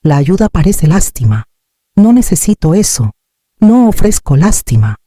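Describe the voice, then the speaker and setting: Woman doing a tense proud daughter, clipped and defensive, dark voice, dry sound. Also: fairly low pitch, big pitch swings, unhurried, dry recording. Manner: curt, defensive. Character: tense proud grown daughter hiding debts.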